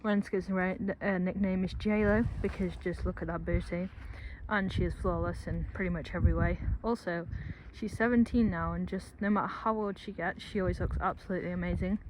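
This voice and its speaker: A woman's voice: fairly low pitch, fairly even intonation, brisk. A young woman chatting casually while she films her stable yard, rambling with joking asides. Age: young adult. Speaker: vlogger at a horse yard. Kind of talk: casual vlog narration. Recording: outdoor background noise.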